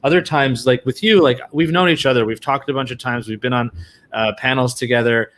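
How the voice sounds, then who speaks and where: An American man hosts an interview podcast, posing long, meandering, friendly questions full of fillers and restarts in a casual conversation. His voice is mid-range, brisk, and fairly bright.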